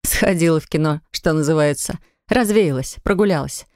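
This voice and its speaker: A woman narrating an audiobook in a calm, even storytelling manner. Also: sits low, moderate pace, no room sound, studio quality. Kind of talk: scripted narration.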